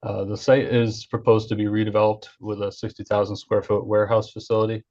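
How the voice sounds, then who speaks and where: A man's voice: lowish voice, little pitch movement, fairly quick, a little mellow. Man on a dull video call. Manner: hesitant, many uh fillers. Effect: heard over an online video call. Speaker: engineer presenting a project. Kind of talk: formal project presentation at a public hearing.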